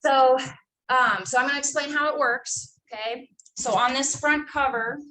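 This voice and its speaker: With a bright, high-sitting voice at normal speed and a forceful tone, a woman in her twenties coaches new sales agents emphatically, using many fillers. She's a sales trainer, captured from far away in an echoey room with faint ambience.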